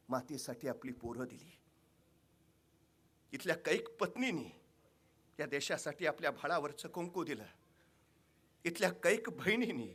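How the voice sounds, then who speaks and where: A man's voice: mid-range voice, a bit bright, husky. A male public orator from Maharashtra gives a dramatic, impassioned storytelling speech. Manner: impassioned, declamatory.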